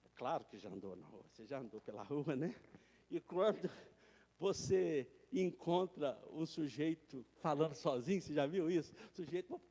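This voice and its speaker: A man preaching a sermon as pastor, emphatic, calling his listeners brothers and swinging from quiet asides to loud exhortation. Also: a little high, lively intonation, moderate pace, slightly rough, in a large hall. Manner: addresses listeners directly as brothers.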